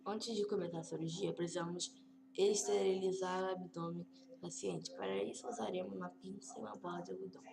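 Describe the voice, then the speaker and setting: A woman's voice: fairly low pitch, animated, brisk, gravelly. A woman doing let's play commentary, squeamish, exclaiming often and reading game prompts aloud. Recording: roomy echo.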